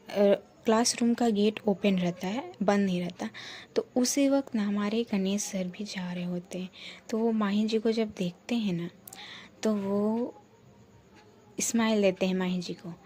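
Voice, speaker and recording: Female storyteller, casual and chatty narration, mellow tone. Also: medium pitch. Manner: chatty, repetitive framing of who says what.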